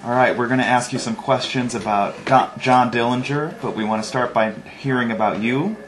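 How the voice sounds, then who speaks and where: A man stands behind a home video camera at a family gathering and asks gentle, prompting questions. His voice sits at an ordinary middle pitch for a man. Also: normal speed.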